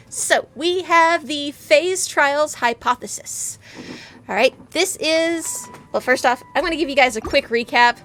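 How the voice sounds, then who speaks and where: A woman hosting a gaming channel with bubbly, goofy, fast casual commentary, speaking from her home in a rural area. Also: fairly high pitch, a bit bright.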